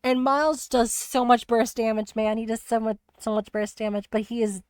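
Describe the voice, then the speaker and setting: A woman streamer chatting casually about a video game, rambling and animated with lots of fillers. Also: on the high side, normal speed, clear, resonant tone, dry recording. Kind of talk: casual spoiler chat on a live stream.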